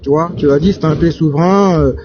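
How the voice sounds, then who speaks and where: A man joining a debate from traffic, halting and repeating words. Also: a little high. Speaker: debate participant. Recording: dull lo-fi line with traffic noise.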